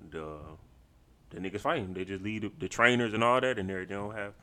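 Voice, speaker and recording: A man's voice: lowish voice, a little fast, bright, forceful tone. A man co-hosting a podcast in casual chat, laid-back, slangy and swearing freely. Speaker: podcast co-host.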